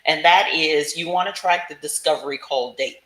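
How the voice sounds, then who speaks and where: A woman with a deep, fairly bright voice talks at a normal pace, coaching casually on a livestream as a business coach. She keeps it conversational, often checking in with tags like "right?", and the room sounds roomy and echoing.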